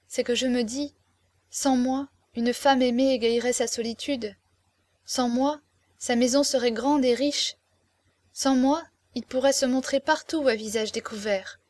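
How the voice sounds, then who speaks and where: A woman's voice: fairly high pitch, a little mellow, dry recording, natural voice. A woman voicing a tender, pleading young woman in an audiobook, speaking with emotion and imploring tearfulness. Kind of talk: audiobook character reading.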